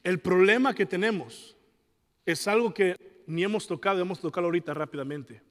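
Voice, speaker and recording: A man's voice: high-pitched, fairly quick, in a large hall. A male pastor, preaching a passionate sermon and mimicking his congregants' excuses. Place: large church hall.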